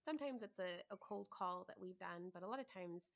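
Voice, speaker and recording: A woman's voice: fairly low pitch, brisk, creaky. A woman hosting a podcast interview who talks in an eager, chatty way and often affirms what her guest says. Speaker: podcast host. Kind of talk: conversational interview.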